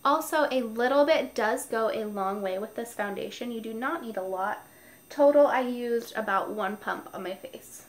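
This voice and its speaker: A beauty vlogger with a slightly high voice and a stuffy nose talks at normal speed through her makeup routine at home. She's chatty and casual, explaining each step, and her microphone is noisy.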